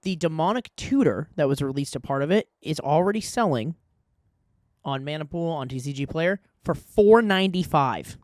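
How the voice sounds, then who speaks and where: A man's voice: on the high side, expressive, normal speed, darkish tone, no room sound, clean studio sound. A man co-hosting a casual podcast, reading sponsor spots and laughing easily. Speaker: podcast co-host.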